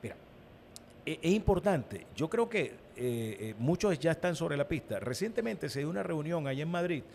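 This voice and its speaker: An emphatic Venezuelan man with a gravelly, creaky voice, answering questions in a political interview. His pitch moves a lot as he talks, and he often repeats words for emphasis. A light hiss of noise sits under him. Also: big pitch swings, normal speed, a little mellow. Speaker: opposition party leader, interview guest.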